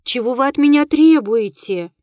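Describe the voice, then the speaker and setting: A woman's voice: on the high side, expressive, measured pace, a little mellow, dry recording, studio quality. Woman reading a startled young nobleman. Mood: alarmed. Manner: earnest, alarmed.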